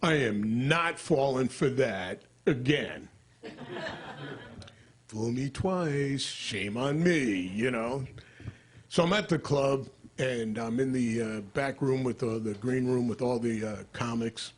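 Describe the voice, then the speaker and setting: Older man, stand-up comic, husky voice, dry deadpan delivery, stage mic. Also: medium pitch, a little slow. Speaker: stand-up comedian. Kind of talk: stand-up comedy.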